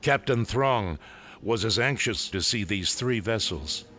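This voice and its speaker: A man's voice: on the low side, lively intonation, a little slow, fairly bright tone. A man playing a cold, imperious imperial lord in a sci-fi audio drama, formal and condescending in a menacingly polite way. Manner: formal, condescending, coolly sardonic.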